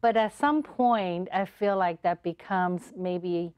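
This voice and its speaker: A woman's voice: on the low side, takes it slowly, a little mellow, clean tone, no room sound, clean studio sound. A woman born in Taiwan and raised in Denver hosting a casual conversation, curious and asking follow-up questions. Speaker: host.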